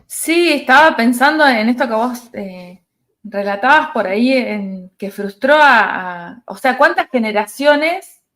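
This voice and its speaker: A woman with an Argentine Spanish accent hosts a radio interview. Her voice sits a little higher than usual for a woman. She talks in a reflective way and pauses to search for her words. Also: lively intonation, fairly bright tone. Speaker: radio show host.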